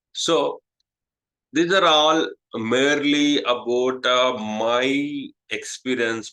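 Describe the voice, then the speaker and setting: A man with an Indian English accent, whose first language is Telugu, hosting a casual spiritual talk and pausing often with "uh" and "okay". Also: medium pitch, bright, forceful tone, poor audio. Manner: slow, halting, many "uh" and "okay". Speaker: astrologer, channel host.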